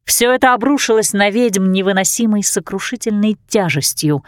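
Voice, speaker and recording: A woman reading a fairy tale aloud with expressive, dramatic narration. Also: mid-range voice, moderate pace, no room sound, studio quality. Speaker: audiobook narrator. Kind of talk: scripted storybook narration.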